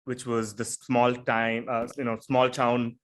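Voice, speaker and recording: Male podcast host, medium pitch, casual and halting as he frames questions. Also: completely flat delivery. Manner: halting, repeats words while forming questions. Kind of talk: casual interview chat.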